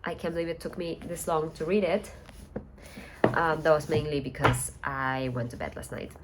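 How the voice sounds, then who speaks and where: A young woman chatting casually in a book vlog at home, thinking aloud and rambling with soft laughs. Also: low-pitched, fairly even intonation, normal speed, very noisy. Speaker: book vlogger. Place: at home at night.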